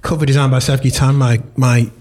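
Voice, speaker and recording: A man's voice: mid-range voice, little pitch movement, fairly quick, a little mellow. A man guesting on a radio show, rambling and easily distracted, laughing often and chatting while he eats. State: talking while eating. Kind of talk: casual radio chat.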